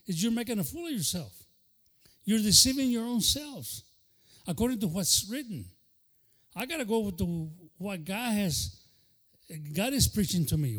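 Man, pastor, fervent bilingual sermon, high voice. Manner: switches between Spanish and English mid-sentence; fervent preaching punctuated by "aleluya" and "hermano".

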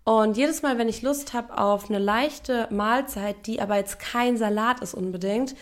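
A woman's voice: fairly high pitch, unhurried. A young woman co-hosting a casual podcast, chatty and playful, walking listeners through recipes step by step and dropping English slang into her speech. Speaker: podcast co-host.

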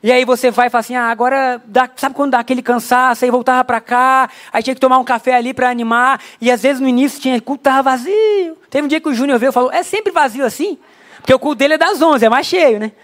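High-voiced man preaching a sermon. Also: fast, fairly bright tone. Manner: conversational preaching with rhetorical asides. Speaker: pastor. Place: church.

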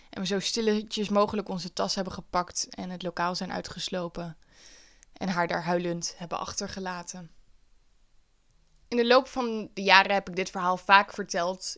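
A woman who now works as a teacher, telling a personal story in a wry, lively, self-mocking way. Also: mid-range voice.

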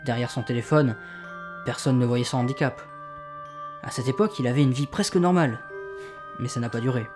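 A man's voice: medium pitch, a little fast, music in the background, natural voice. A man playing a flustered, exasperated young insurance broker being questioned. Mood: confiding. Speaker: suspect under interrogation. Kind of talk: comedy sketch acting.

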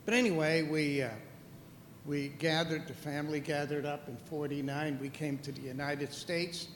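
An older man from the Netherlands, a guest telling his life story calmly and reflectively on stage. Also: on the high side, normal speed. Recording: echoey hall with long reverb, faint noise.

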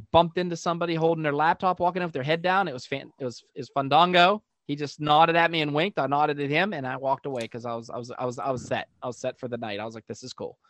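A man's voice: fairly high pitch, fairly bright tone, dry recording. A man on a podcast telling a long, rambling anecdote, acting out quoted voices. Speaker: podcast guest. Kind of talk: casual storytelling.

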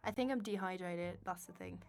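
Relaxed woman podcast co-host. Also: on the low side, a little fast, vocal fry. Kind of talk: casual chat.

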